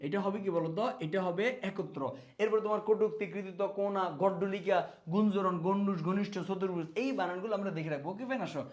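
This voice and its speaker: An energetic male teacher with a Bangladeshi Bengali accent, talking quickly and in a high voice. He drills spellings by repeating them and keeps asking questions that he answers himself. He is recorded on a close mic. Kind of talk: spelling lesson for exam students.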